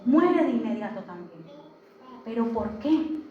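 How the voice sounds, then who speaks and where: A woman's voice: a little high, very animated, a little slow. A woman preaching a Sunday sermon, emphatic and repeating key phrases, often putting rhetorical questions to the congregation. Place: church service hall. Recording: echoey, slightly dull church recording.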